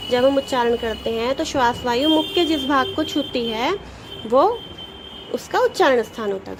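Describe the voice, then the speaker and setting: High-voiced woman teaching children. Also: slight background noise, poor audio. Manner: patient, explains step by step, sounds out letters slowly; addresses pupils directly, asks questions then answers them. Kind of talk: Hindi grammar lesson for children.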